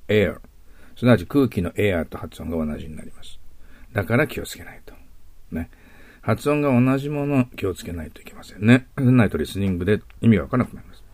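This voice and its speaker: A middle-aged man teaching English vocabulary in Japanese, explaining each word slowly and carefully, with Japanese-accented English and phrases that fade to a near-whisper. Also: deep voice, darkish tone, breathy edge, no room sound. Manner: slow, careful word-by-word explanations with frequent "hai" and "ne". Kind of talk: recorded vocabulary lesson.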